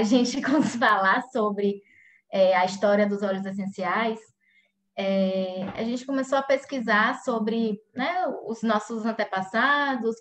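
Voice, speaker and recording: A woman's voice: medium pitch, a little hiss or hum. A woman from Salvador, explaining her topic in a casual online presentation, full of fillers and restarts. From Salvador, Brazil. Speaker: physiotherapist presenter.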